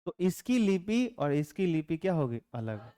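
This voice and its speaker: A clear-voiced male teacher gives a classroom lecture, his fairly high voice moving at a moderate pace with no room sound, captured by a camera mic in the classroom. He explains calmly, drops teasing asides, and keeps quizzing the class with check questions.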